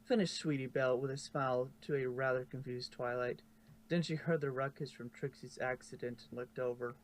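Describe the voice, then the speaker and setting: Reading a fanfiction story aloud as storybook narration, a man speaks a little fast in a steady, mid-range voice. His informal reading includes occasional stumbles and self-corrections, captured in a noisy home recording.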